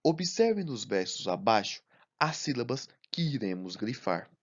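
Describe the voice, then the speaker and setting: Man, teacher, lesson narration, very slow, deliberate, dull lo-fi sound. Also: mid-range voice, big pitch swings. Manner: slow and deliberate, counting syllables aloud.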